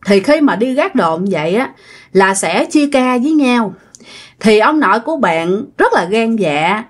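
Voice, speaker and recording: A woman with a Southern Vietnamese accent telling a ghost story in a casual, chatty way, speaking directly to her listeners. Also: medium pitch. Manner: chatty, addresses listeners directly, many tag particles.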